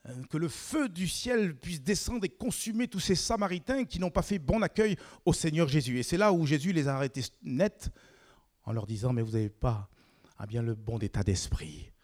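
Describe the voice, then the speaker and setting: A man preaching a sermon, animated, often rising high for emphasis, asking his listeners questions and filling pauses as he goes. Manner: frequent fillers "eh bien".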